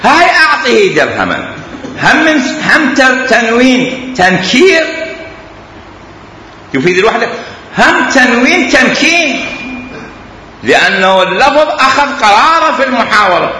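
Lively Iraqi man lecturing in an echoey hall. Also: very high voice, normal speed, slight background noise. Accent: Iraqi Arabic. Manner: animated and explanatory, repeating examples. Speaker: teacher. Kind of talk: classroom grammar lecture. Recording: echoey hall, faint ambience.

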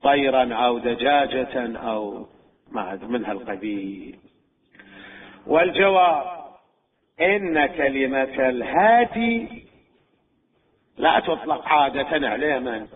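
Slow-spoken man lecturing over a tinny line. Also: medium pitch, expressive. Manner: measured, deliberate, asks and answers his own questions. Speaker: religious law teacher. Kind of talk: scholarly lecture. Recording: tinny phone-like recording.

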